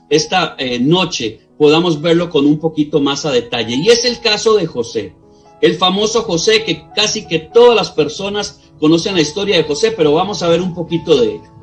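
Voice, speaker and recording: A middle-aged man with a Costa Rican accent preaching a sermon as pastor, earnest and addressing his listeners directly. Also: sits high. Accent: Costa Rican Spanish. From Costa Rica. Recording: faint music behind the voice.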